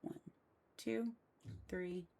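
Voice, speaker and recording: A woman's voice: fairly low pitch, steady tone, drawn-out words, creaky. A woman giving a casual step-by-step voice-over for a building tutorial, counting each step aloud under her breath. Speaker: game building tutorial host. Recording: loud mouse and keyboard clicks.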